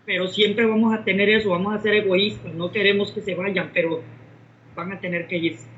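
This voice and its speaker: A man's voice: sits high, flat delivery, normal speed, fairly bright tone, a little hiss or hum. A man earnestly sharing a personal testimony in a Bible class, speaking to fellow believers. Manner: earnest, addresses listeners as brothers. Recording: muffled lo-fi recording.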